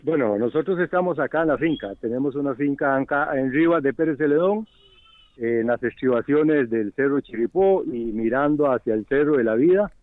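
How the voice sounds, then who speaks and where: A man's voice: mid-range voice, lively intonation, normal speed, dry recording. A man with a Costa Rican Spanish accent, an organic farmer speaking as an interview guest, earnest and reflective. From Costa Rica. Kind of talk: phone interview. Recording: dry tinny phone line.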